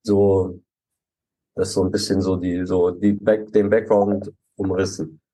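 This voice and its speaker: A middle-aged man from Germany, a photographer guest in a podcast interview, speaking relaxed with many hesitant fillers. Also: low voice, a little slow, breathy edge. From Halle an der Saale, Germany.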